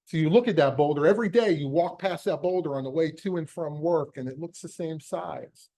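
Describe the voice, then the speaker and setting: This conversational medical lecture comes from a middle-aged American man, a physician and pediatric epilepsy surgeon. He speaks fairly quickly in a mellow, fairly high voice, explaining with emphasis and asking rhetorical questions.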